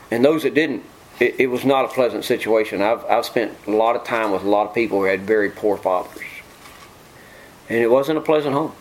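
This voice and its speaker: A man's voice: mid-range voice, a little hiss or hum, low-quality recording. A middle-aged man preaching an informal sermon, joking with his congregation. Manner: folksy, joking asides to the congregation.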